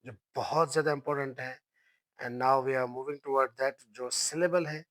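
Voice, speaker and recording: A man's voice: mid-range voice, fairly bright tone, no echo. A man giving a patient lecture with slides. He often repeats his points and checks for understanding, and he switches between Hindi and English. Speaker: phonetics teacher.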